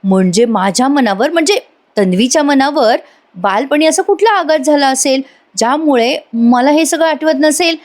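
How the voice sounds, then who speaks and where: An earnest young wife from a TV serial asks pointed questions, read by a woman recapping the episode. Her voice sits a little high. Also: expressive, moderate pace, a little mellow. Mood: probing.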